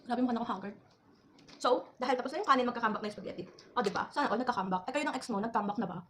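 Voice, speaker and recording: A young food vlogger from the Philippines talks at a very quick clip while she eats. Her voice sits slightly high, and she tosses playful asides to her viewers between bites. A faint ambient noise runs under the recording. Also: fairly bright tone. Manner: chatty, code-switching, teasing asides while eating. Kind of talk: casual mukbang chat.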